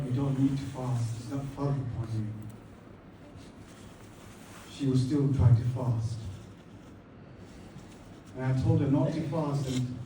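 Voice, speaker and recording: A man delivering a eulogy to a gathering, speaking with dignified, measured grief and reverence. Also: mid-range voice, a little mellow. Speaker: son giving a eulogy. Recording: distant, echoey, faint noise, muffled.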